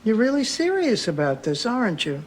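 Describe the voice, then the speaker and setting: An actress playing a sardonic, dry-witted older woman in a sitcom, with deadpan delivery. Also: fairly high pitch, moderate pace, rough recording. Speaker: sitcom character. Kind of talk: sitcom acting.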